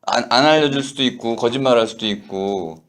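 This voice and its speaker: A middle-aged male lecturer in a classroom, coaching students through a reading with quick prompts. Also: mid-range voice, a bit bright. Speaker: university lecturer. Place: lecture room.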